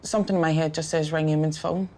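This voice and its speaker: A woman's voice: low voice, steady tone, fast talker, darkish tone. A woman with a Northern Irish accent, a relative of the victim telling the story plainly and emotionally in a documentary interview. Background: music.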